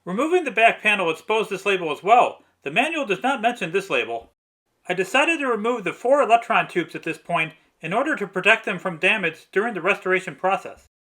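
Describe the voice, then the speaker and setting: Reading from a script, the narrator of a radio restoration video uses a high-sitting, bright voice with a forceful tone. He walks through the restoration step by step in careful, methodical language.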